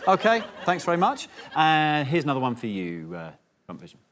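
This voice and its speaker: A man's voice: on the high side, huge pitch swings, a little fast, a bit bright, a little hiss or hum. A man hosting a comedy panel show, reading out scores and rules with a dry, sarcastic, teasing manner. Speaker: host.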